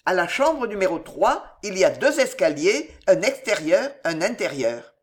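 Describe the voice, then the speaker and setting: A reader doing a matter-of-fact innkeeper. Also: male voice, high voice, very animated, measured pace. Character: helpful male innkeeper, plain-spoken.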